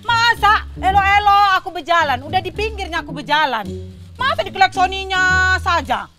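A man's voice: very high-pitched, lively intonation, normal speed, over music. A man voicing a hot-tempered, cursing village woman. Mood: ranting. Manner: scolding, cursing, blunt Medan-style speech.

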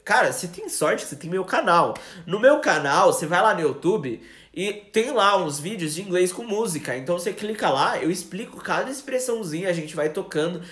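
A man with a Brazilian Portuguese accent teaching English in a casual live lesson, chatty, slowing down for example sentences. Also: high-pitched, expressive, a bit bright, echoey room.

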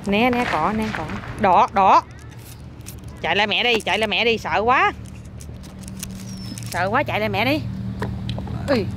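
A woman's voice: medium pitch, animated, measured pace, pauses often. A mother, chatting with her toddler outdoors and coaxing them in a playful, repetitive way. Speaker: mother filming her child. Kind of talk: casual chat with a toddler. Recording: faint outdoor noise.

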